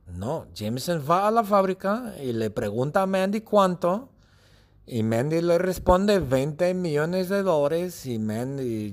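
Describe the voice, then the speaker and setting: Slow, animated husky male storyteller. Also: medium pitch. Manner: slow, animated storytelling with playful meows and asides. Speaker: Spanish teacher telling a story. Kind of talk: comprehensible-input storytelling lesson.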